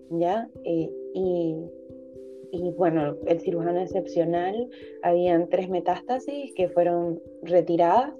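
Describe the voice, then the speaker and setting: A young woman with a very dark, mellow voice tells her story as a podcast guest, candidly and with plenty of hesitation. The audio sounds dull and lo-fi, and faint music plays underneath. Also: on the low side. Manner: candid, emotional, many hesitations. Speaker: guest, physician.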